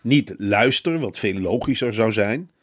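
A man's voice: fairly low pitch, lively intonation, measured pace, a bit bright, no room sound, studio quality. A man co-hosting a podcast in casual chat, sardonic and mocking. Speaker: podcast co-host.

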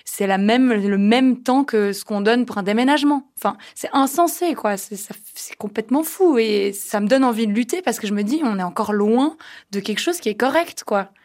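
A woman's voice: a little high, normal speed, darkish tone. A young woman answering interview questions spontaneously, indignant and hesitant, with many fillers. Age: young adult.

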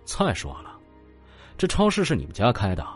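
A man's voice: medium pitch, wildly swooping pitch, moderate pace, breathy edge, soft background music. A man voicing a cold, vengeful young male student who talks curtly and with contempt. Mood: cold scornful. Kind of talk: audiobook character voice.

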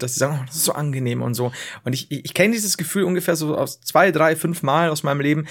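A man co-hosting a podcast, telling a rambling story in casual chat with bursts of animation. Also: mid-range voice. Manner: rambling, animated storytelling with laughs and acted outbursts. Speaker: podcast co-host.

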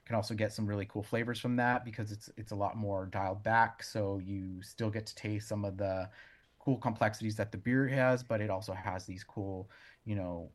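A man interviewed as a brewer explains things casually, hesitating as he searches for words. His voice is fairly low, with fairly even intonation.

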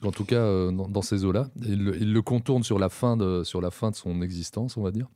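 A man chats as a panelist on a film show. His voice is deep, dark and suave, recorded close and dry. He feels his way through sentences, repeating words as he goes. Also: dry recording. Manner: halting, repeats words while thinking. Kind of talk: casual discussion.

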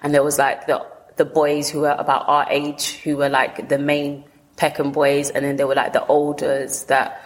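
A woman with a low voice and a south London accent speaks candidly as an interview guest. She talks colloquially, in short bursts, often rewording as she goes. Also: completely flat delivery, normal speed. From south London, England. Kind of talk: candid personal storytelling in an interview.

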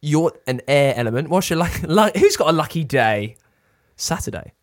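Teasing man with a lively, swooping delivery. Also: a little high, moderate pace, no room sound, clean studio sound. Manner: teasing, blunt, sweary. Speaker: podcast co-host. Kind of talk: casual banter, reading out and commenting.

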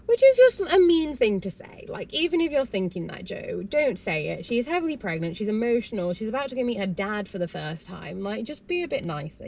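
A young woman, casually recapping a reality show with sarcastic asides and frequent "like"s. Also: mid-range voice. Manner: chatty, sarcastic asides, lots of "like".

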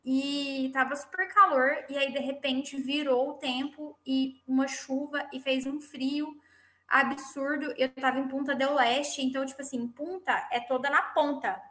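A woman with a high, bright voice chats casually, telling stories with dramatic flair. She sounds like a teacher among friends, and her voice carries a roomy echo. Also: a little slow. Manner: animated, dramatic storytelling. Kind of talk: casual chat.

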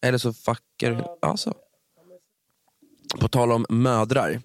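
A man's voice: mid-range voice, level tone. Teasing man bantering on a podcast. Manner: teasing, joking banter with slang. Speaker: podcast co-host. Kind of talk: casual podcast chat.

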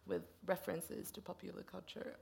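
A woman's voice: lowish voice, very animated, normal speed, gravelly, a little mellow, husky. A woman interviewing a poet, asking careful questions with hesitant phrasing and many fillers. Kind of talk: conversational interview.

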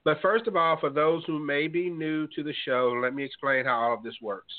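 A man hosts a call-in radio talk show, measured and earnest with some fillers, his slightly high voice a little stuffed up from a cold. The audio has a tinny phone-line quality.

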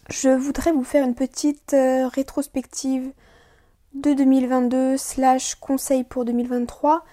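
Young woman, high mellow voice, loose chatty podcast host with lots of fillers. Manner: chatty, many fillers and restarts. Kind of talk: casual solo podcast chat.

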